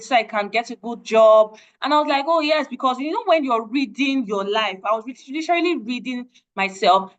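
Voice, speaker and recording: A young woman with a Nigerian accent speaks in earnest, sharing a personal testimony with a group online. Her voice sits fairly high, and she leans on repeated phrases to drive her points home. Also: a bit bright, muffled recording. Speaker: guest speaker. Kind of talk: testimony talk at an online meeting.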